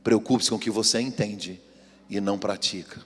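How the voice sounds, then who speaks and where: A man from Brazil, a pastor preaching an animated sermon and acting out quotes in high voices. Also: normal speed. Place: church hall. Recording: echoey hall with long reverb.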